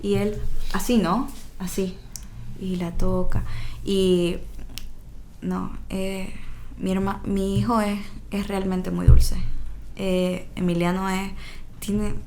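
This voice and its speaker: A woman's voice: medium pitch, little pitch movement, slow, long pauses, darkish tone, slight background noise. A young adult woman, a guest on a podcast, talking casually and acting out the quoted dialogue in her stories. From Bolivia. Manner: chatty storyteller acting out quoted dialogue, frequent "digamos, ¿no?" fillers.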